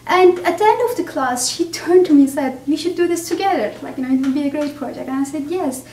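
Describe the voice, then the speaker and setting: A woman from Turkey recalling an experience in an interview, measured and thoughtful. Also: high-pitched, darkish tone. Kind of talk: reflective interview recollection. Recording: echoey room, mic at a distance, faint background hiss.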